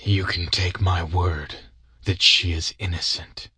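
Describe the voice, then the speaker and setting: A man voicing a bitter, broken-down old ex-soldier who speaks slowly and grudgingly. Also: low voice, flat delivery, sharp tone, husky, no echo, voice pushed down, full character voice. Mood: defiant. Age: older. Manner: slow, heavy, grudging storytelling. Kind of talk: audiobook character reading.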